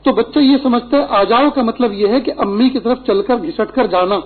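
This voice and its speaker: A middle-aged man delivers an earnest, instructive Friday sermon, weaving in Arabic quotations. His voice sits high and breathy. The recording is thin and phone-like. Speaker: preacher.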